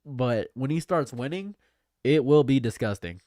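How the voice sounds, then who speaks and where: A man's voice: mid-range voice, lively intonation, moderate pace, dark tone, no room sound, studio quality. A man in his late twenties chatting casually on a livestream, rambling and repeating his phrases. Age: late 20s. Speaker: streamer.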